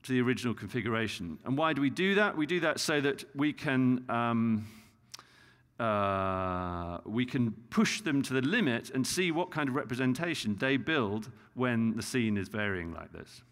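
This middle-aged keynote speaker has a British accent and a mid-range, fairly bright, expressive voice at a normal speed. Explaining results at a conference, he fills his lecture with restarts and filler words, and the big hall adds reverb.

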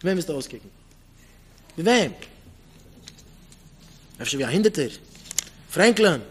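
A man's voice: fairly high pitch, sing-song, unhurried, husky. A man preaching with pointed questions. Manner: repeats pointed rhetorical questions, mixes in English words. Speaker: rabbi giving a Torah talk.

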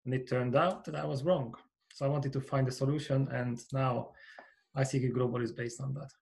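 A man in his forties from Hungary with a Hungarian accent, speaking as a guest on a podcast over a video call, earnest and measured as he explains his ideas. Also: medium pitch, fairly even intonation, vocal fry, darkish tone. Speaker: company founder, guest. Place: small home office with bookshelves. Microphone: over-ear headset with boom mic.

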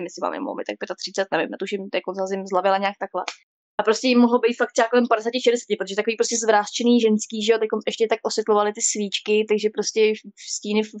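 A woman's voice: fairly high pitch, no room sound. A woman casually telling a spooky childhood story on a stream, rambling and constantly padding with filler words. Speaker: guest storyteller.

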